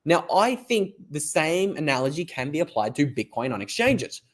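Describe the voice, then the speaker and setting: Hoarse Australian man hosting a live stream. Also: fairly high pitch, sing-song, moderate pace. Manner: rambling, chatty, reads chat comments aloud. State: hoarse, lost voice. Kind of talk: casual live stream commentary.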